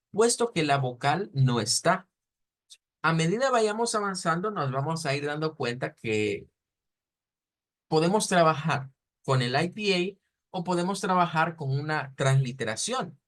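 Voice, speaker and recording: Man, language teacher, slow repetitions, a bit high-pitched. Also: fairly bright tone. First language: Spanish. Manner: patient, explanatory, repeats sounds slowly to model pronunciation. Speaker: German teacher. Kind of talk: online language lesson.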